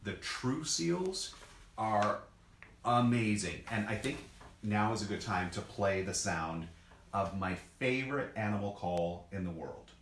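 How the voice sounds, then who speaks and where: A man with a fairly low voice gives a casual, educational explanation for children. He speaks as a zoologist, breaking things into short, simple pieces. The room is echoey, with faint noise behind him. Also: unhurried, a bit bright. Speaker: zoologist co-hosting a children's question session.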